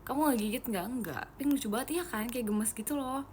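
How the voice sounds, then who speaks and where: A woman's voice: a little high, a little mellow, a little hiss or hum. Bubbly young woman chatting on a live stream. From Indonesia. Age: young adult. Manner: chatty and bubbly, quick-talking, giggly, mixing in English phrases. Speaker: idol group member hosting a live stream. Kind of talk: casual live-stream chat reading comments.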